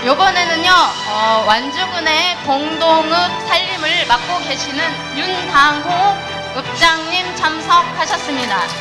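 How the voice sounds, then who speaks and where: A woman's voice: very high voice, a little slow, over loud music. A woman emceeing a ceremony, politely introducing guests one by one in a formal announcing style. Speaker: event emcee.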